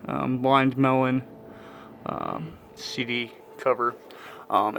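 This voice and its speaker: A man in his thirties with a lisp and whistling s, giving a casual, halting video tour of his collection at home. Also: medium pitch, vocal fry, pushed and bright, slight background noise. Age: 30s. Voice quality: lisp with whistling s from new braces. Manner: halting, pauses mid-sentence. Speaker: collector presenting own collection. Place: inside a house.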